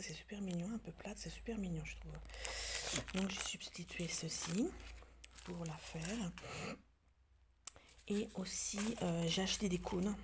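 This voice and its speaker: A woman from France in a casual show-and-tell vlog, talking hesitantly with many fillers and restarts, often dropping to a soft near-whisper. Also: on the low side, background noise. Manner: drops to soft near-whispers while showing details. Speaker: craft vlogger.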